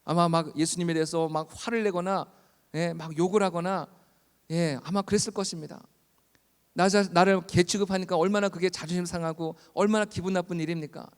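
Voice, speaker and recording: A man preaching a sermon in an earnest, fervent way, building up to loud pleas. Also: high voice, steady tone, a little fast, clean tone. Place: church hall. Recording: long reverb of a church hall.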